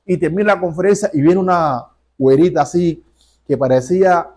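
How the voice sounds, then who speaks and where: A man's voice: high-pitched, brisk, darkish tone. A male pastor preaching a sermon, telling stories and asking the congregation rhetorical questions.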